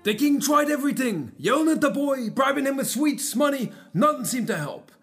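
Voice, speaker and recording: A man tells a folktale in a playful, animated way, with a very high voice that rises and falls freely. He jokes along with his listeners. Music plays clearly behind him. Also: normal speed. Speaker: storyteller. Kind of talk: live folktale storytelling.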